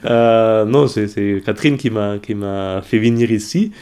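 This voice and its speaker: A middle-aged man from Austria, a native German speaker with an Austrian accent, answering interview questions in a halting way with many pauses. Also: lowish voice, dark tone, clean tone. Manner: hesitant, halting, frequent fillers and light laughs. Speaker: guest. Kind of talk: casual interview.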